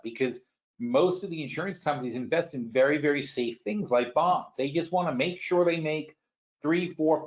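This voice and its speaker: This webinar host is a man of medium pitch who explains the stock market in a meandering way, frequently starting over and walking through examples. His recording sounds muffled.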